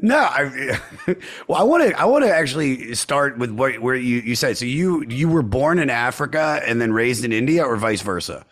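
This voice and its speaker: A man hosting a podcast, chatting casually and excitably, dropping into low mutters and bursting into laughter. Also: normal speed. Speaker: podcast host.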